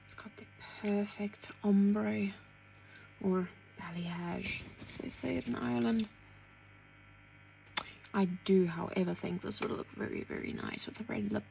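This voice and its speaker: A woman chatting casually through a makeup tutorial, talking to herself as she works and dropping into soft asides. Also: mid-range voice, steady tone, a little slow, gravelly, long pauses, slight background noise, rough recording. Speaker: beauty vlogger.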